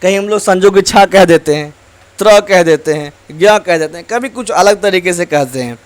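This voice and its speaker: A male teacher giving a slow, deliberate grammar lesson, reciting letters one by one. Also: high-pitched.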